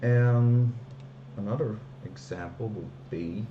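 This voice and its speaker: A native Dutch speaker from Flanders with a Flemish accent walks through software on a casual live stream, often hesitating with fillers and restarts. His voice is on the low side and slow, and the narrow, tinny audio sounds roomy, with background noise.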